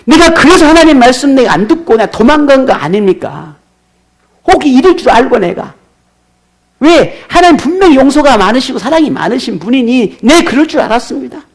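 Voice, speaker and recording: A man's voice: sits high, huge pitch swings, normal speed, pitched above the performer's own voice, exaggerated voice. A man voicing a resentful grown man who complains bitterly to God in indignant protest.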